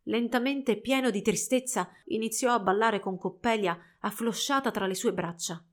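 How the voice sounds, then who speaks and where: A woman narrating a storybook in an expressive, measured reading. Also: a little high.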